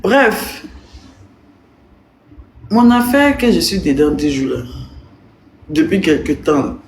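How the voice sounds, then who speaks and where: A woman's voice: deep voice, sing-song, slow pace, a little mellow, a little hiss or hum. Woman, live streamer, tipsy, teasing and rambling, roomy sound, faint ambience behind. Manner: teasing, rambling, breaks into giggles. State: a little tipsy. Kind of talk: casual live-stream chat addressing viewers.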